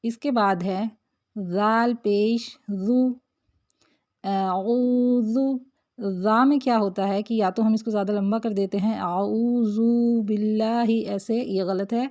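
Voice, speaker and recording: A woman's voice: mid-range voice, fairly even intonation, a little mellow. A woman teaching Quran recitation, patiently drawing out syllables one by one to show how they are said. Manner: patient, slow drawn-out syllable demonstrations. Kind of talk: tajweed lesson. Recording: dull lo-fi recording.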